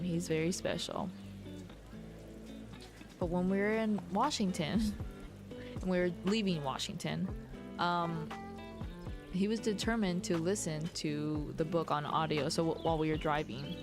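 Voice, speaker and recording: A woman live-streaming a cozy game, chatting casually and rambling with lots of "like"s. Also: on the low side. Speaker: gaming streamer. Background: game background music.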